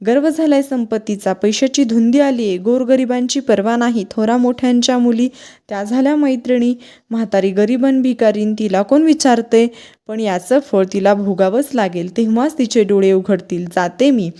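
A woman's voice: a little high, moderate pace, dark tone, close to an everyday voice. A woman voicing a poor old beggar woman, a goddess in disguise, speaking in a scolding, reproachful way. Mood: indignant.

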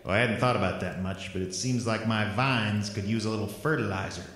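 A man's voice: on the low side, a little fast, a bit bright, a little hiss or hum, close to an everyday voice. Man playing a menacing hillbilly hobo miner, cavernous echo. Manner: folksy, ungrammatical, threatening drawl. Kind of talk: audio drama acting. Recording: very echoey, music underneath.

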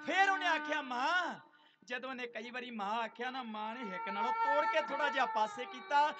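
Impassioned man preaching over loud music. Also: extremely high pitch, moderate pace. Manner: impassioned, rising from hushed tearful telling to loud pleading. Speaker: dhadi preacher. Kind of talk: emotional sung-spoken religious storytelling. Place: stage at a village religious gathering. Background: loud instrumental music.

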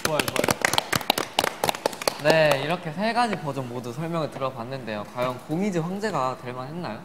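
A man's voice: medium pitch, animated, brisk, fairly bright tone, a little hiss or hum. A young man moderating a casual chat segment with his bandmates. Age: young adult.

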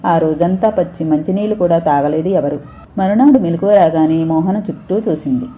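A woman reading a story aloud as narrator, steady and even. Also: lowish voice, moderate pace, slight background noise.

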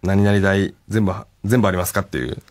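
A man with a Kansai accent co-hosting a casual late-night radio show from a studio mic, chatty and quick to laugh. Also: low-pitched. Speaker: radio co-host. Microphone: studio microphone.

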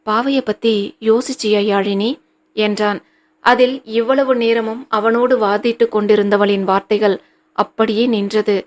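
A woman narrates a novel with a steady, measured delivery. Her pitch stays flat and narrow, at a middle height for a woman. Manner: steady, even reading. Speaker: audiobook narrator.

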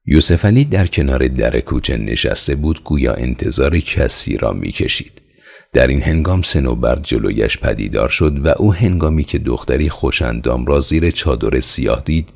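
A man narrating an audiobook in a steady, measured way. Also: extremely low pitch, creaky, slightly rough.

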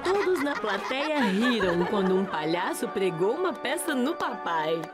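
A woman's voice: medium pitch, very animated, measured pace, loud music behind the voice. A woman narrating a children's cartoon as a storyteller, reading scripted lines.

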